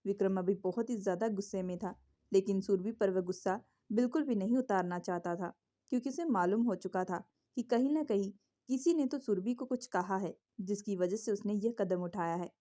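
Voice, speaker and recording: A woman narrates a romance story with scripted, steady delivery. Her voice is warm and mellow. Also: medium pitch, moderate pace.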